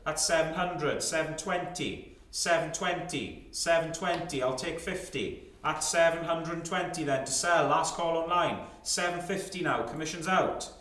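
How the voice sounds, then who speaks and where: A man's voice: on the high side, measured pace, few pauses, fairly bright tone. A man working as a fine art auctioneer, calling lots and repeating bid figures in clipped, rolling phrases. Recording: roomy, echoing sound.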